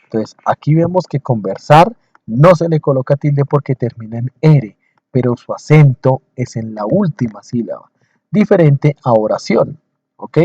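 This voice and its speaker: A male teacher giving a recorded lecture over slides, explaining in short, slow phrases, repeating points and checking in with his listeners. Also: mid-range voice, lively intonation, dark tone, slightly rough, muffled recording.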